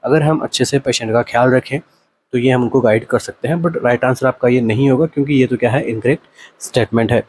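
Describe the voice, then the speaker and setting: A male nursing exam coach explaining multiple-choice answers, asking rhetorical questions, answering them himself, and reading the English options out slowly. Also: mid-range voice, darkish tone, slight background noise.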